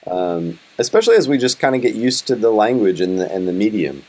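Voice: mid-range voice, very animated, brisk, dark tone. A podcast host talking casually in an interview, rambling with many fillers and restarts.

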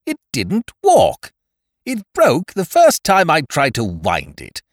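A man's voice: mid-range voice, huge pitch swings, normal speed, no echo, clean studio sound, voice pushed up. A man voicing an aggrieved, blustering young male scrounger who talks querulously and with heavy emphasis. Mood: indignant.

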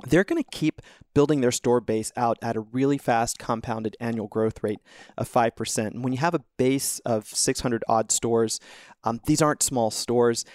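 A man's voice: mid-range voice, moderate pace, a little mellow, dry recording, clean studio sound. Easygoing man explaining stock picks. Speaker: podcast co-host. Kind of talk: casual investing analysis.

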